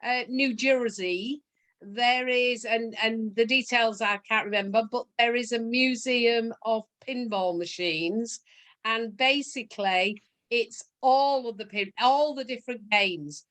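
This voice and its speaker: A woman's voice: on the high side, a little slow, fairly bright tone. A woman hosting a casual interview, chatty and rambling as she signs off. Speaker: host.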